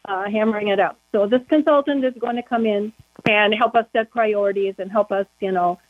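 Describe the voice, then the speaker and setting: A county board member phones in to a relaxed interview, talking chattily and leaning on "you know" a lot. She has a medium pitch and a brisk delivery with no room sound, though the phone line muffles her as if she were behind a wall.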